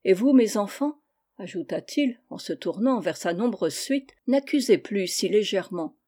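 A kindly, stern old gentleman from a storybook, measured and gently admonishing. A woman reads his lines in her own mellow voice. The delivery is calm and unhurried. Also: medium pitch, lightly acted.

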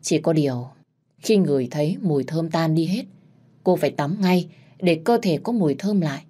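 A woman's voice: low-pitched, normal speed, mellow, breathy edge. Woman doing a stern old village shaman. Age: older. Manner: stern, instructive.

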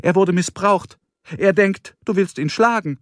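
A man's voice: high-pitched, a little slow, no room sound, studio quality, pitched above the performer's own voice. A male reader voicing a doting adult woman who coos and pleads over her little dog in an audiobook. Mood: protective. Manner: pleading, cooing and indignant. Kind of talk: audiobook reading.

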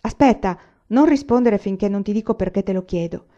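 A woman's voice: medium pitch, brisk, warm tone, lo-fi sound, lightly acted. A woman reading the part of an earnest young frontier man who pleads urgently and anxiously. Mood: agitated.

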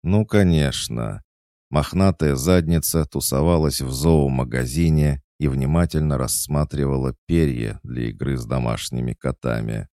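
A man narrates a first-person fantasy audiobook, wry and deadpan. His voice is extremely deep and dark with a gravelly edge. The sound is dry and close. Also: normal speed, few pauses, dry recording.

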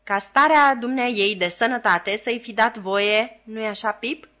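A woman voicing a simple, gentle working man who talks slowly and hesitantly. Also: a little high. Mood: slow earnest.

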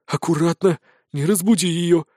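Guy reading a careful young wizard, quiet-ish, slightly high, dry close sound. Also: lively intonation, brisk, no room sound, lightly acted. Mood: cautious. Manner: hushed, careful. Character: cautious young male wizard, calm and sensible.

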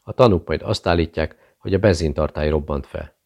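A man's voice: a bass voice, creaky, a little mellow, heavily acted. A man playing a matter-of-fact male hired killer in an audiobook. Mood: businesslike. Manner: businesslike.

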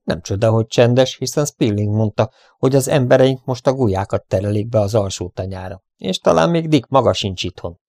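A man voicing a bold young cowboy hero who speaks calmly and firmly. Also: medium pitch, vocal fry, no room sound, studio quality, pitched above the performer's own voice. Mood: easy-going. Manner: calm, then icy and firm. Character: bold young male western hero, cool-headed.

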